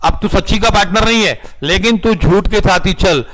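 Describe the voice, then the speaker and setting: High-voiced lecturer. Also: male voice, low-quality recording. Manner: animated, drills students with rhetorical questions; dictates definitions slowly in English. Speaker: law lecturer. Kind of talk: classroom lecture in Hindi mixed with English. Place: classroom with students.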